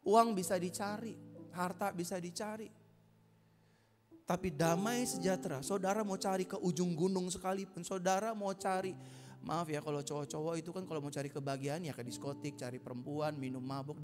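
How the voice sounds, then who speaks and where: A man, a pastor preaching a chatty, joking sermon that mixes in English phrases and swells into loud exhortation. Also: moderate pace. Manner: rises to loud, high exhortation. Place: church auditorium. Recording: hall reverb with music behind.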